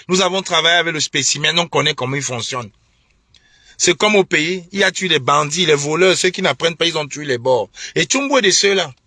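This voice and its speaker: A man's voice: fairly high pitch, pushed and bright, no room sound, studio quality. A young man from Cameroon, ranting on a live stream with indignant, repetitive, mocking talk and scornful laughs. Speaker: online political commentator. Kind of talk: heated live-stream rant.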